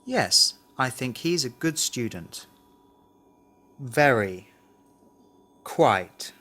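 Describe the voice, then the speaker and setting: Reading for a language course, this man has a medium-pitched voice and lively intonation. His delivery is slow and careful as he enunciates model sentences, presenting words and answers from a scripted drill.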